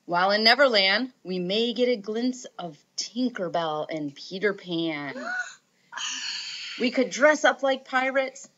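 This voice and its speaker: Slow, playful woman reading a letter. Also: medium pitch, a bit bright. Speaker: teacher. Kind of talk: reading an example letter aloud. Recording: dull lo-fi recording.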